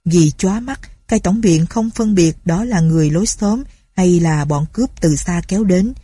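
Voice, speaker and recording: A woman reading a story aloud in a measured, even way. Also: fairly low pitch, breathy edge, no room sound, clean studio sound.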